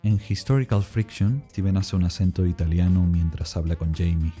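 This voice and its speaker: A man's voice: low voice, moderate pace, warm tone, faint music behind. A man narrating a scripted explainer as the presenter of the video.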